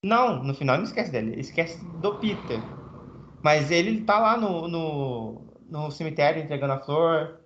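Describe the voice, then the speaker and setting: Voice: mid-range voice, expressive, moderate pace. Voice in a roomy, dull recording. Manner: opinionated, explains at length. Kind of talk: casual film discussion.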